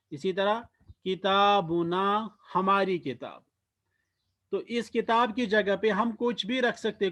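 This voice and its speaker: A man with a fairly high voice teaches an Arabic grammar lesson. He speaks slowly and sounds out each word form with care. After each form he gives a short gloss in Hindi. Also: a bit bright. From Kashmir, India. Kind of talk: slow spoken lesson drilling word forms.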